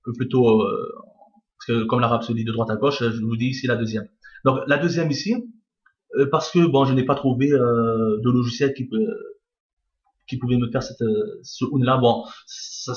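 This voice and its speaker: A man with a fairly high voice teaches a beginners' reading lesson, patient and repetitive, often pausing to check his listeners follow. The recording is roomy and a little dull, as if made with a modest mic in a bare room. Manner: patient, repeats each point, checks in with "d'accord?". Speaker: Arabic teacher.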